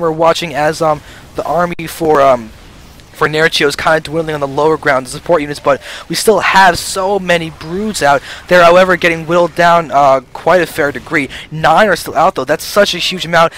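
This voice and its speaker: A man casting a strategy video game match alone, a mostly flat play-by-play with frequent fillers and sudden jumps in excitement. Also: fairly high pitch. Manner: self-described monotone even when excited; frequent fillers and restarts, swings between flat and hyped. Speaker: esports caster. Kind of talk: solo play-by-play game commentary.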